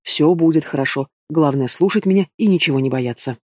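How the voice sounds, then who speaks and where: Man doing an old wizard guy, calm and soothing, fairly high voice for a man, dry. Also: fairly quick, no echo, natural voice. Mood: reassuring. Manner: calm, reassuring. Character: old male court mage, calm and reassuring.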